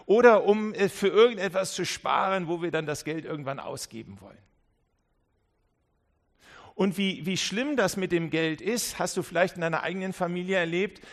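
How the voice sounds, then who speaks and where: A man preaching a sermon. His voice sits a little high. He delivers with drama, rising to urgent warnings and dropping to hushed, low asides. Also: moderate pace. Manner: dramatic, acts out voices in dialogue.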